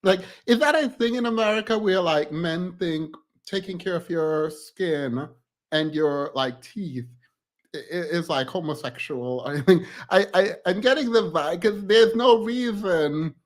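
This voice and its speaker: A man's voice: high-pitched, measured pace. A man making casual reaction commentary, laughing through incredulous asides. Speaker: reaction streamer.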